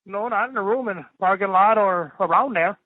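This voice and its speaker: A man speaking as an inmate on a recorded prison phone call, answering in halting, hesitant bits. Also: high-pitched, no echo. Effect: prison phone line. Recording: tinny prison phone line.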